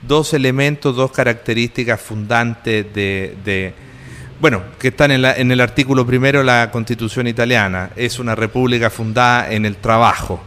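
A man's voice: medium pitch, normal speed, a bit bright, in a large hall, a little hiss or hum. A man interviewing a guest, speaking formally in long, carefully built sentences with frequent hesitations. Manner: formal, elaborate phrasing with many hesitations.

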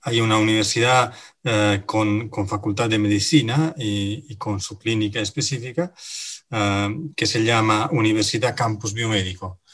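A middle-aged Italian guest, a finance director and native Italian speaker, talks in a lowish, steady, somewhat bright voice with an Italian accent. Answering radio interview questions, he speaks haltingly, with lots of pauses and fillers.

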